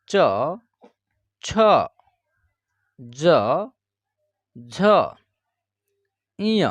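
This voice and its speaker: Brief: unhurried teacher voice, letter-by-letter drills, close dry voice-over. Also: medium pitch, no echo. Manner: patient, repeats "theek hai" and "jo hai" fillers. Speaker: online Hindi teacher. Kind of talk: slow letter-by-letter lesson recitation.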